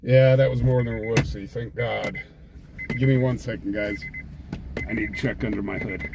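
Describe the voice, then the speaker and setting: Guy driving around chatting to his stream, jokey and folksy, really loud car noise, dashcam audio sound. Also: lowish voice, steady tone, normal speed, gravelly. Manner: folksy, jokey, greets viewers. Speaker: livestream host. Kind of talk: casual live vlog chat while driving. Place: inside a moving truck. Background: loud engine and road noise.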